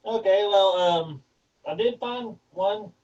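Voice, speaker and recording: A man's voice: high-pitched, slow, a little mellow. A man talking casually as a player in a tabletop roleplaying game. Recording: distant mic, dull sound, faint noise.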